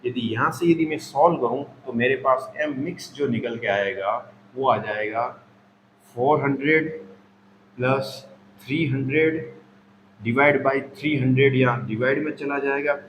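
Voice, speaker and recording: A man's voice: mid-range voice, unhurried, a bit bright. A man teaching a chemistry lesson, talking through each step aloud and repeating himself as he explains. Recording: echoey room with faint noise.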